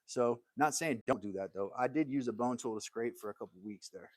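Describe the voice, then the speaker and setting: An American man leads a casual woodworking livestream in his workshop, chatting in a rambling, easygoing manner and replying to viewer comments. His medium-pitched voice is brisk with a darkish tone, recorded dry.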